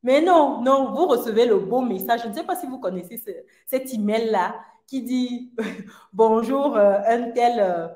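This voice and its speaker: A woman telling a personal story to an audience in a lively, self-mocking way, laughing often. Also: fairly high pitch, normal speed, echoey room. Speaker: speaker addressing an audience.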